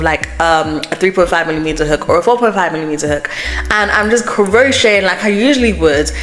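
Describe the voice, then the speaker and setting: The host of a crochet podcast vlog, speaking in a mid-range, fairly bright voice, vents emphatically and informally about small annoyances on her casual solo show. Her microphone's echo setting gives her voice an echoey reverb.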